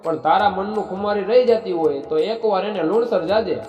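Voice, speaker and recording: A man's voice: high voice, a little fast, darkish tone, roomy sound, long reverb tail, natural voice. A man voicing a bold rival horseman chieftain in a spoken folk tale, blunt and challenging. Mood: taunting.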